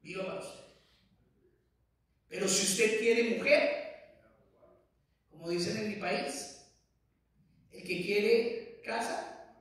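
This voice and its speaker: A man's voice: sits high, slow pace, long pauses, a bit bright, recorded from a distance. A middle-aged man preaching as a pastor in a church hall, with emphatic, building repeated phrases. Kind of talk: sermon. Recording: very echoey hall from afar.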